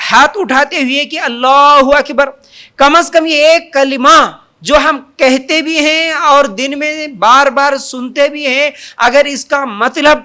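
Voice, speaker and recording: High, bright-voiced male preacher. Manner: repetitive rhetorical questions and lists; emphatic, drawn-out takbir calls. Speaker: Islamic preacher. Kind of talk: Urdu sermon.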